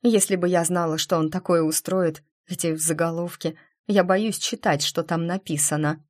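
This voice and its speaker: A woman's voice: fairly low pitch, steady tone, normal speed, lightly acted. A woman doing a flustered young violinist. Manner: flustered, shaken. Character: anxious young female violinist.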